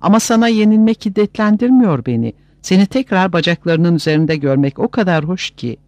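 A cheerful, graceful elf archer voiced by a male narrator in an audiobook, speaking with a raised, lively pitch. The sound is dry and slightly muffled. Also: a little fast, no echo. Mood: eager.

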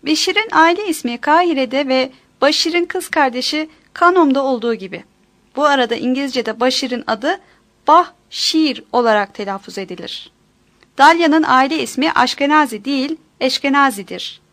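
Woman, high voice, audiobook narration, measured, careful diction, dry close sound. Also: a bit bright, no echo.

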